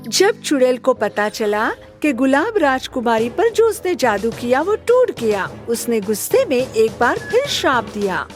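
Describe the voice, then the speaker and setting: Slow lilting woman narrating a kids' story. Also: high voice, sing-song. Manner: gentle, storybook. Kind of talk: scripted children's story narration. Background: soft music.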